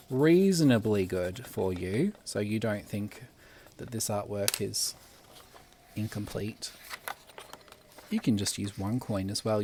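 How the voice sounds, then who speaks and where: A young man teaching children to draw, speaking slowly and gently in a slightly low voice. He talks as he works at a school desk, with faint pen and marker sounds behind him. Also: a little hiss or hum. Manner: gentle, unhurried, talks while drawing. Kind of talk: drawing tutorial for children. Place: classroom at school.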